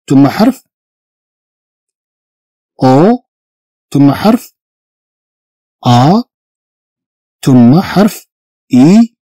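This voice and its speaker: A man's voice: on the high side, warm tone, no echo. A man with a Moroccan Arabic accent teaching a beginner language lesson, patiently repeating each sound and spelling letters out.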